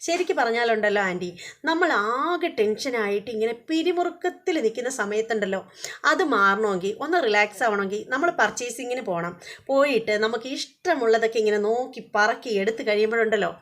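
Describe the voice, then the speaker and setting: A woman's voice: on the high side, lively intonation, a little fast, fairly bright tone. A woman voicing a trusting, cheerful young woman who talks in an eager, agreeable way.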